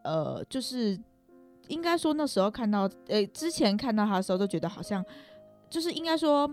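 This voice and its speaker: Speaking a little fast over soft background music, this young podcast guest has a Taiwanese Mandarin accent and a medium-pitched voice with big pitch swings. She tells personal stories casually, wandering off track, poking fun at herself and hedging throughout.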